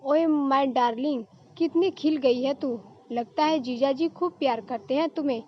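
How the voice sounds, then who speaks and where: Woman reading a teasing giggly young woman, high-pitched, storybook, muffled lo-fi recording. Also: moderate pace, a little hiss or hum, lightly acted.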